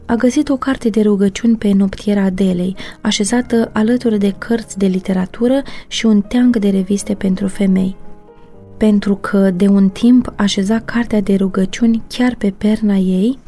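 A woman narrates a novel in a steady, measured storytelling manner. Her voice is mellow and warm, sitting in an even middle pitch. Faint music plays softly underneath the reading. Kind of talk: audiobook narration.

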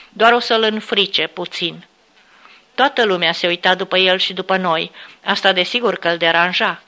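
Bright-voiced woman reading a memoir. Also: mid-range voice. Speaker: narrator. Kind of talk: memoir read aloud.

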